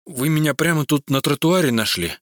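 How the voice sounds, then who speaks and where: A man's voice: fairly high pitch, lively intonation, brisk, no room sound, studio quality, pitched above the performer's own voice, lightly acted. A man voicing Igor, an exasperated private detective protesting and recalling an attack, in a crime audiobook. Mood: dazed. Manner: exasperated, pleading. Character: indignant male private detective, middle-aged.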